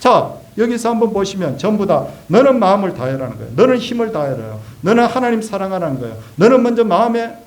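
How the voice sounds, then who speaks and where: A male pastor delivering a Sunday sermon in a voice pitched a little high. He preaches with animation, posing rhetorical questions and acting out the speech he quotes. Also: sing-song, fast talker, hardly any pauses.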